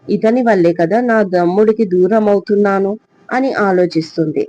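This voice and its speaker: A man narrating an audio story in a steady storybook manner. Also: high voice, normal speed, dry recording, highs cut off.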